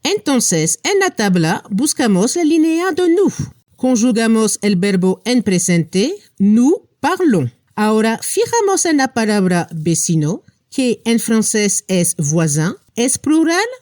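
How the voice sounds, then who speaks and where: A woman teaching a language lesson, explaining step by step and slowly drawing out each example word. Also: on the high side, a little mellow, no echo, studio quality. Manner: slow, careful, drawing out example words.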